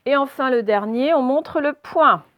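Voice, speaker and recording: A woman with a high voice teaches a phonics reading lesson, slowly and deliberately sounding out letters and asking her young listeners questions. The recording is lo-fi.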